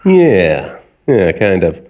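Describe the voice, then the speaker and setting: A man co-hosting a podcast, telling a rambling, animated story in casual chat. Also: low-pitched, extremely slow, background noise. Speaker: podcast co-host.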